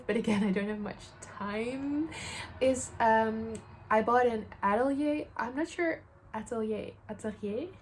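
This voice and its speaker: A young woman chats casually, rambling along and dropping "like" between thoughts. Her voice sits a little high. There is a faint hum of room noise behind her. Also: darkish tone. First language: Dutch. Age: 20s. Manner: chatty, rambling, lots of "like" fillers. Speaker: gaming vlogger. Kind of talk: casual chat.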